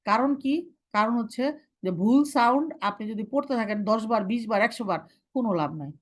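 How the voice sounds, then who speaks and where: A young woman teaching recitation to a class, giving firm instructions and slowly modelling how each sound should be read. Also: a little high, lively intonation.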